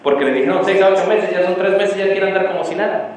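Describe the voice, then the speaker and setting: A man's voice: high-pitched, steady tone, fast, a little hiss or hum. A middle-aged man preaching a storytelling sermon and quizzing the congregation with fill-in questions. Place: church hall. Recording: echoey hall with long reverb.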